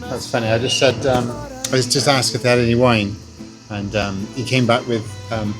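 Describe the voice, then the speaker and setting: A man's voice: medium pitch, flat delivery, normal speed, over music. A man from the UK co-hosting a travel vlog, easygoing and laughing often. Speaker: travel vlogger. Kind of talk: casual travel vlog chat.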